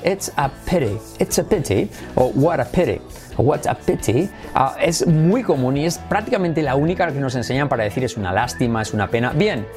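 A man from Spain with a Spanish accent, hosting a casual English lesson and repeating English phrases slowly to model their pronunciation. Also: medium pitch, expressive, a little mellow, faint music behind. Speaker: English teacher and channel host.

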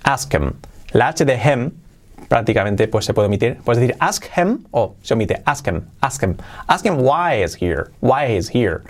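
Man from Spain, animated English teacher, drawn-out modelling of phrases. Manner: lively intonation, jumping high on questions. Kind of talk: English lesson.

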